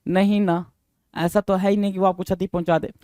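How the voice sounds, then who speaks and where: A male teacher leading an exam-prep vocabulary lesson. He reads English definitions slowly, explains them in quick Hindi, spells each word letter by letter and repeats the answers. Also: sits high, little pitch movement, mellow, no echo. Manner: spells words letter by letter, repeats answers, calls students bhai.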